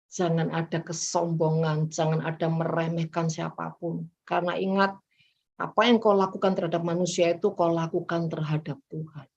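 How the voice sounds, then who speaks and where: A middle-aged woman evangelist, preaching a sermon in a lively way and acting out quoted voices as she speaks straight to her listeners. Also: lowish voice, normal speed, creaky. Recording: dull muffled recording.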